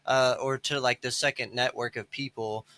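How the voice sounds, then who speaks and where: A man hosting a podcast who asks long, halting questions and often restarts them. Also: medium pitch, fairly even intonation, bright, forceful tone. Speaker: podcast host. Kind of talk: interview questions.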